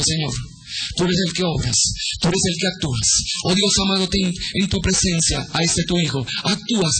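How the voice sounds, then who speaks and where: A man preaching a sermon to his congregation, asking them questions and dropping to a low, hushed voice when he retells events. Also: low-quality recording. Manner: swings between raised emphatic lines and low hushed retellings. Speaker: pastor.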